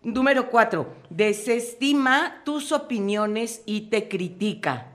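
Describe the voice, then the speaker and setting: A woman with a Mexican accent, a guest commentator on a radio show, talking in a lively way and acting out short quoted scenes. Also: a little high, slow. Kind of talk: lively on-air talk.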